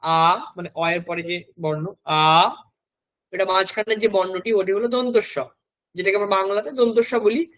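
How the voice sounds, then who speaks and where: A man's voice: sits high, normal speed, rough recording. A man with a West Bengal Bengali accent teaching a Sanskrit class. He spells each word out letter by letter and repeats it several times. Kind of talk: classroom language lesson.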